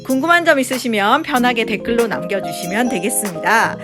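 A woman with a fairly high voice leads a phrase drill for learners. She repeats each short expression carefully and then translates it in a fast burst, at a brisk pace overall. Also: over music. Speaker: English teacher and channel host.

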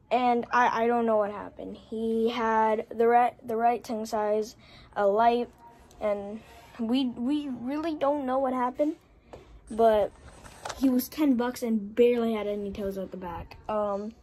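A woman's voice: on the high side, a little mellow, slight background noise. A young woman chatting casually about her pet reptiles in a pet care vlog, rambling with many fillers and restarts, filmed on a phone or camera near the tank. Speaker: reptile keeper vlogger.

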